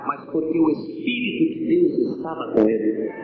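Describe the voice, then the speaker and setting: A male pastor preaching with passion, dropping to a hush and rising to shouts. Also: fairly high pitch, sing-song, normal speed, a crowd in the background. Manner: impassioned, swings from hushed to shouting. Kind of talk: sermon. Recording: echoey, dull, noisy 1990s church tape.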